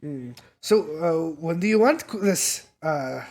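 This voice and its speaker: A game master narrating a tabletop game in a casual, halting way, full of fillers. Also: medium pitch, expressive, a little mellow.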